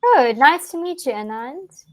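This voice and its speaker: A woman's voice: sits high, expressive. A young woman from South Africa, an online English tutor, chatting casually on a video call and explaining things with frequent restarts. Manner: friendly, explains slowly with frequent restarts and fillers. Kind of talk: casual online conversation lesson.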